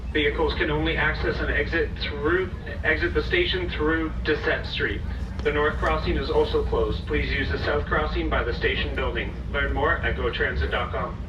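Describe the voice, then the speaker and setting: Train guy on the pa, steady and polite, far off and echoey. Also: moderate pace. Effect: over a train's PA system. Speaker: customer service ambassador. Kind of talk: onboard announcements. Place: commuter train carriage. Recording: echoey, muffled PA speaker. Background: loud rumbling train noise.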